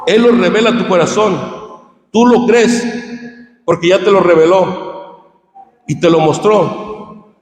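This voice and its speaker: High-voiced fervent preacher man, echoey hall. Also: slow pace, long pauses, slight background noise. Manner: fervent, swings from shouting to hushed asides. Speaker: pastor. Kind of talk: sermon. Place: church hall.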